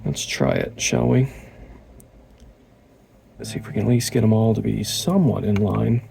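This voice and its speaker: A man's voice: on the low side, normal speed, creaky. A man working as a guitar repair technician, talking casually through the job and muttering to himself between tasks. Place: repair workshop.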